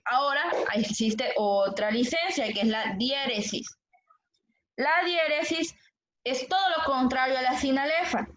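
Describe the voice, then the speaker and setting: Patient and slightly bright, a high-voiced woman teacher leads a class through poetic meter, asking questions and repeating the answers she gets. It's recorded in an echoey classroom with a dull, lo-fi quality.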